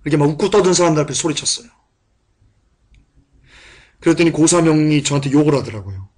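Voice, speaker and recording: A man preaching a sermon and telling a personal testimony, moving between hushed, quiet recollection and loud, passionate outbursts. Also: on the high side, fast talker, slightly rough. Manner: impassioned, swings from hushed to shouting.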